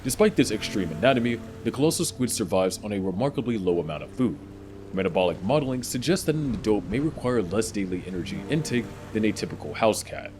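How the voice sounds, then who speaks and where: A man narrating a scripted nature documentary in a dramatic, measured, explanatory way. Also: on the low side. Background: music bed.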